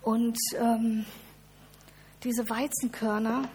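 A woman's voice: fairly high pitch, little pitch movement, drawn-out words, a little mellow, slight background noise. A woman preaching a sermon at a church service, speaking emphatically and addressing her listeners directly.

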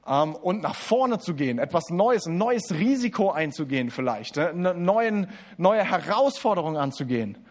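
A man preaching a sermon in German. He speaks straight to the listeners, stumbles and restarts often, and switches between quick asides and slow, stressed lines. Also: high voice, very animated. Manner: addresses listeners directly as du, with many restarts and fillers.

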